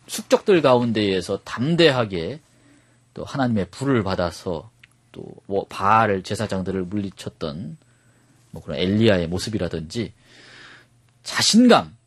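A man's voice: mid-range voice, husky. A male radio host, chatty and full of fillers, leading an English lesson in a studio. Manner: chatty, uses many fillers.

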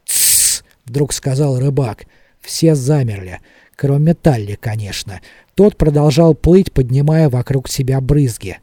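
A man narrating an audiobook in a measured, expressive reading. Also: medium pitch, no echo, studio quality. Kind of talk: scripted narration.

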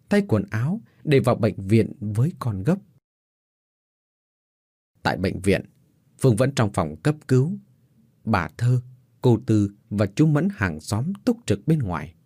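A man narrating a dramatic story in an expressive, scripted way. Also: medium pitch, dry recording, studio quality.

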